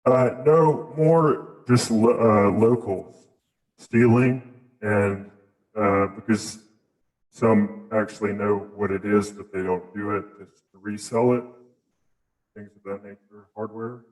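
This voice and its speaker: A man being interviewed as a mining operator, speaking through a voice scrambler in a hesitant, halting way with many restarts. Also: lowish voice, a little mellow, reverberant, poor audio. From Southeast United States. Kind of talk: casual interview.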